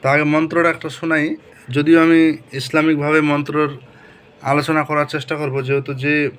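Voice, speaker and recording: ধীরে মন্ত্র পড়া এক পুরুষ. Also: male voice, on the high side. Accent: Bengali. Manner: slow, measured chanting when reciting verses; asks listeners if they understood. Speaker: folk healer teaching mantras. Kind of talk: spoken lesson with chanted recitation.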